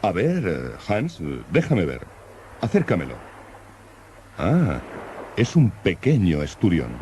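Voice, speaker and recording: Deep-voiced learned professor in radio drama. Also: male voice, huge pitch swings, slow, a little mellow, heavily acted. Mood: fascinated, didactic. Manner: precise, explanatory, theatrical. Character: learned older professor uncle leading expedition, confident, didactic. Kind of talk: old radio drama acting. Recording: old radio drama, faint background noise.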